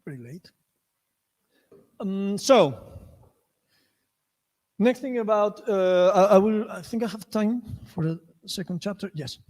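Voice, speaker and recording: High-voiced Spanish-accented man in a reverberant hall. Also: expressive, slow pace, pauses often. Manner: many restarts, acts out story lines loudly. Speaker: lecturer. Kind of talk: conference lecture. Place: lecture hall.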